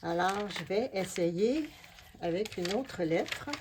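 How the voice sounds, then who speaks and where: This craft video host and collage artist has a medium-pitched, animated voice, a slow pace, and a Québécois French accent, with background noise behind her. She talks to the viewer in a chatty, familiar way, explaining every step while working.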